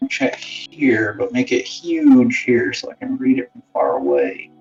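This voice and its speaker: His medium-pitched, creaky voice swoops wildly as he talks at a measured pace, chatting casually on a live stream with rambling, swearing, self-mockery and frequent muttering under his breath. The recording is muffled and distant, picked up by a phone acting as a wireless webcam mic, boxy like speakerphone in a box. Faint music plays behind him.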